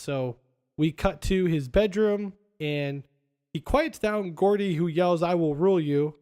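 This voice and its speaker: A man's voice: on the high side, a little mellow. A man hosting a casual podcast, retelling movie scenes and quoting lines with frequent laughs. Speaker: podcast host.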